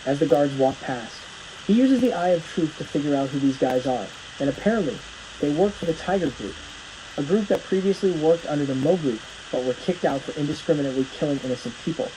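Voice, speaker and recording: A man's voice: fairly high pitch, animated, brisk, noisy background. A man narrating a plot recap from a script, telling the story as it unfolds.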